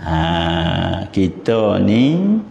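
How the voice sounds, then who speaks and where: Speaking extremely slowly in a low, creaky, slightly mellow voice, this southern Thai religious teacher is very animated as he gives an informal mosque lecture. His Patani Malay accent comes through as he chats, explains, and occasionally chants verses. The recording has the echo of a hall, a dull lo-fi quality, and a little hiss or hum.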